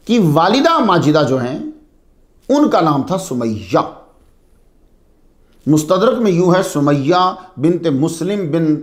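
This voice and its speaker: A man's voice: sits high, echoey room. A man giving a religious lecture to students, asking rhetorical questions and then answering them, and repeating key terms to explain them. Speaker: religious teacher.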